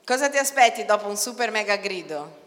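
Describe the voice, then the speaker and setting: Bright-voiced woman preaching in a hall. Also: mid-range voice, a little fast. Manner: animated, swings from quiet to loud outcries. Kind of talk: sermon. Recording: long hall reverb.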